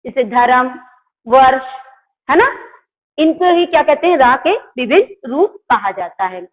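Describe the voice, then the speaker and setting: A woman teaching a Hindi grammar class online to children. She asks the class questions and answers them herself, and she stops to correct her own slips. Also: high-pitched. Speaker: school teacher. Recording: tinny phone-like audio.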